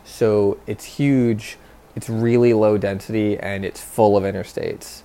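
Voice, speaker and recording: Male caller, from West Virginia, creaky lowish voice, measured orderly delivery, listener question. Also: steady tone, dark tone. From West Virginia, United States.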